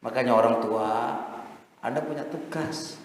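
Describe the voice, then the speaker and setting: A man preaching a sermon, lively, chanting verses and calling his listeners sir. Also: mid-range voice, a little slow. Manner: lively preaching, sung Quran verses, addresses audience as Pak. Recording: very echoey hall.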